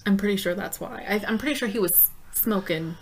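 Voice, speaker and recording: A woman's voice: medium pitch, fairly quick, slight background noise. A young woman co-hosting a casual chat podcast, telling a story in a rambling way with lots of "like". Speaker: podcast co-host.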